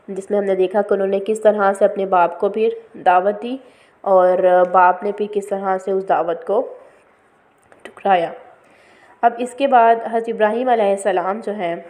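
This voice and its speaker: A woman giving an explanatory lecture on scripture verses, calm and patient. She often checks in with her listeners and mixes English words into her speech. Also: mid-range voice. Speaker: religious studies teacher.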